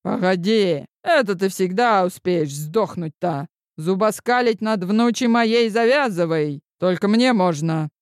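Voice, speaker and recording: A woman's voice: mid-range voice, expressive, unhurried, no echo, natural voice. Woman voicing a sly, needling granny. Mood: commanding. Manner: dry and needling. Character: sly sarcastic grandmother, older woman. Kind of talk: audiobook character reading.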